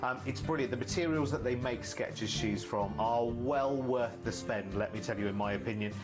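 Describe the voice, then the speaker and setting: A chatty man hosts live shopping TV, bantering with his co-hosts and reading out order codes and prices. Music plays clearly behind his voice in the studio. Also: medium pitch, normal speed. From not from Yorkshire. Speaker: shopping channel presenter.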